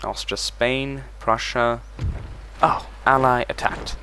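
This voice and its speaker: Slow and forceful, this man's medium-pitched voice has a bright tone and fairly even intonation, plus a slight hiss or hum. He hosts a let's play on his gaming channel, reasoning through his strategy game moves out loud.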